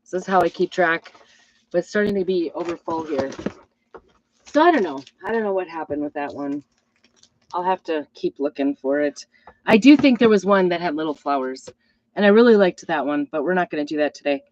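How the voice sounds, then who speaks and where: A middle-aged woman with a hoarse, weakened voice from a hacking cough, rambling apologetically as she hosts a casual live craft demo. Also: lowish voice, lively intonation, fairly quick, a little mellow, dull audio. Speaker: craft host and crafting product seller.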